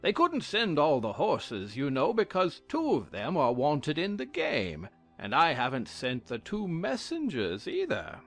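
A fussy, gentle old-fashioned king from a storybook. His voice is high for a man and creaky, with slow, wandering delivery. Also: wildly swooping pitch, faint music behind, heavily acted. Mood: fussy, pompous. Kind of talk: dramatized audiobook acting.

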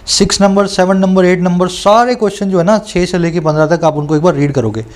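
A man coaching students through an exam paper, reading English questions out slowly and explaining them, often checking that they follow. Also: high-pitched. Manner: reads English questions aloud slowly, then explains in Hindi.

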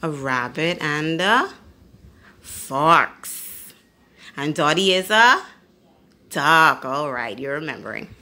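A woman reading a children's story aloud in a teacherly way, pausing to ask her young listeners questions. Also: deep voice, animated, sharp tone.

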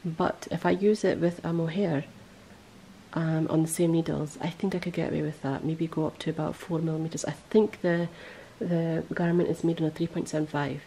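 A woman hosting a podcast in casual chat, rambling and correcting herself as she goes, her voice a little hoarse. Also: low-pitched, steady tone, normal speed, dark tone, slight background noise, rough recording. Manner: chatty, rambling, self-correcting. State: voice going hoarse. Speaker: podcast host.

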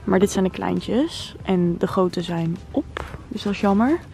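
A woman's voice: mid-range voice, animated, a little slow, creaky, mellow, soft background music. Chatty young woman vlogging while shopping. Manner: chatty, enthusiastic, asks viewers questions. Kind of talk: casual shopping vlog chat. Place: home living room, then inside a store.

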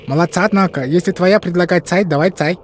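A man's voice: sits high, fast, a little hiss or hum, close to an everyday voice. A man playing a naive Chukchi tundra native in a cartoon game, speaking broken, lisping Russian with a mock Chukchi accent. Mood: eager, helpful. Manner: broken pidgin Russian with lisped sibilants.

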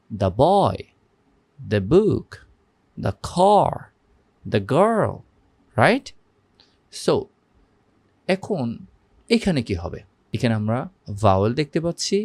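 A man's voice: medium pitch, no room sound. A man teaching English grammar with a Bengali accent, repeating examples and checking in with the viewer. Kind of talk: grammar lesson for Bengali speakers.

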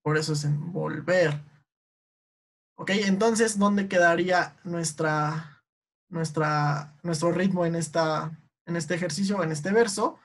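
Her voice sits on the lower side as this Mexican woman leads an online lesson about poetic meter. Patient and unhurried, she keeps checking in with a brief "ok?" along the way.

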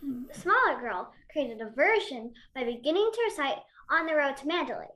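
Woman narrator, high voice, steady read-aloud delivery. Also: fairly quick.

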